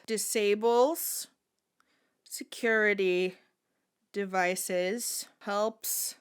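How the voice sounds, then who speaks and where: A young woman video creator giving sardonic, lively comedic commentary while testing an app, often laughing. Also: medium pitch, clean tone.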